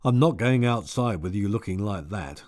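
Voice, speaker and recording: A man's voice: on the low side, animated, moderate pace, darkish tone, no room sound, clean studio sound, lightly acted. A man voicing a rude, blunt middle-aged laborer in an audiobook. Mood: gruff. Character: gruff, rude middle-aged male plantation worker.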